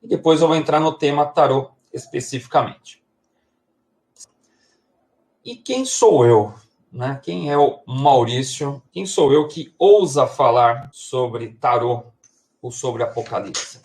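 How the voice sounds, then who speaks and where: A man's voice: medium pitch, animated, slow pace, darkish tone. A man, giving a chatty, personal introductory lesson on tarot. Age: 40s. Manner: chatty, personal, digressive storytelling. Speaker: tarot and astrology teacher. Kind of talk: introductory lesson, live stream talk.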